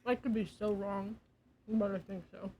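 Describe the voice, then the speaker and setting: A woman's voice: mid-range voice, steady tone, normal speed, highs cut off, a little hiss or hum. A young woman streaming, chatting casually and giggly, sometimes dropping to a near whisper. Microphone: desk mic.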